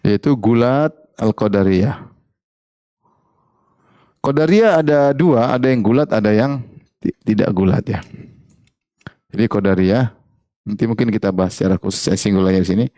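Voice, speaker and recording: A male Islamic preacher giving a religious study lecture, often putting questions to the audience and repeating key phrases in a lively, joking teaching tone. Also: on the low side, normal speed, long pauses, no room sound.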